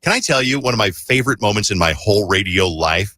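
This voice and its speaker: A man's voice: lowish voice, lively intonation, quick pace, sharp tone, dry recording, studio quality. A middle-aged man hosting a morning radio show, chatty and playful. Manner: playful, bursts into silly singing.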